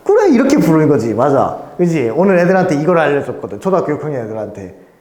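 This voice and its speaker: Male cram-school math tutor, chatty and animated, pitch swings wide, echoey classroom. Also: fast talker. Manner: chatty, animated, mimics students in high squeaky voices. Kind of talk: casual classroom lecture.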